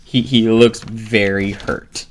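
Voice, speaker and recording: A man narrating as game master of a tabletop game, unhurried and full of fillers. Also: on the low side, level tone.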